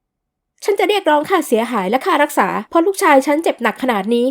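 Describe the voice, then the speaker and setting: A woman voicing an indignant, domineering middle-aged mother who shouts in a shrill, curt voice in an audio novel. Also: big pitch swings, very slow, full character voice. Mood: furious.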